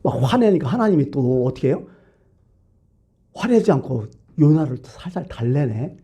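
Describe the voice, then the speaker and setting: A male pastor preaching a sermon in church, retelling a Bible story with lively rhetorical questions to the congregation. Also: on the high side, normal speed, slightly rough.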